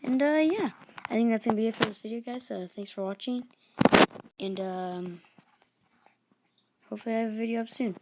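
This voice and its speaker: A woman talking in a low, hushed, unhurried late-night voice, giving casual commentary as a gaming video host. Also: heavy background noise.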